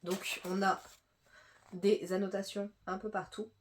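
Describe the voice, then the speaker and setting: A woman's voice: mid-range voice, flat delivery, unhurried, a little hiss or hum. A young woman with a stuffy nose chatting casually through a book haul, full of fillers and restarts. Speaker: booktuber.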